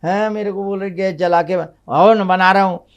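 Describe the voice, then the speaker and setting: A man's voice: high voice, fairly even intonation, dull audio. A man with a Hyderabadi accent voicing a harried, patient husband who keeps soothing his sick wife. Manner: soothing, hurried.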